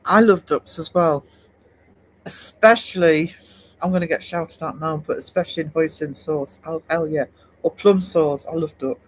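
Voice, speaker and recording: Reading live comments aloud, a male art streamer chats casually with his audience in a slightly high voice at a moderate pace. He rambles, with frequent fillers and restarts, and the audio is poor.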